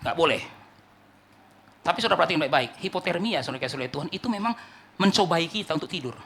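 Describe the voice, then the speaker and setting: High, fast, gravelly-voiced preaching man. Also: lively intonation, a little hiss or hum. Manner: emphatic preaching, swinging from loud climaxes to low asides; repeats "saudara yang dikasihi oleh Tuhan" as a refrain. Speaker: pastor. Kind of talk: sermon.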